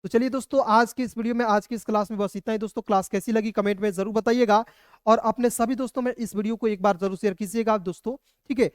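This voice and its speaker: A man's voice: sits high, fairly even intonation, fast talker, no echo, studio quality. A man teaching an online spelling lesson, sounding out words letter by letter and checking in with "okay?" again and again. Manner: spells letter by letter, repeats "ठीक है ना".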